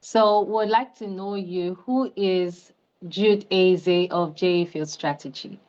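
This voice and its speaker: A woman from Nigeria with a lowish voice hosts an interview, cheering on each answer before moving to the next question. Her voice comes through a dull, muffled lo-fi recording. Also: a little mellow. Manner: encouraging, quick to praise answers. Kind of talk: interview hosting. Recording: dull lo-fi sound.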